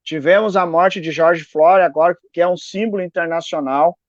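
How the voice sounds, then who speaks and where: A man's voice: on the high side, steady tone, normal speed, dry recording. A man speaking earnestly as a guest on a live video interview from home, often repeating words and tagging "né?". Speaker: activist guest. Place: home in a neighbourhood. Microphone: video call. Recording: dull lo-fi stream audio.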